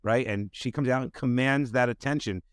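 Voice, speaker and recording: A man's voice: medium pitch, normal speed, dry recording, studio quality. Middle-aged man rambling with "you know". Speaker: podcast host. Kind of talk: casual interview chat. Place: home studio with bookshelves. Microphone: desk mic on video call.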